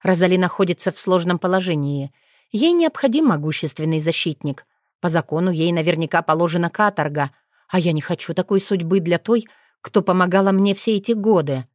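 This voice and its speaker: A woman's voice: fairly low pitch, brisk, no room sound. Woman reading a fantasy audiobook, dry and close. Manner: expressive, lifts her voice for the heroine's lines. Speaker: audiobook narrator.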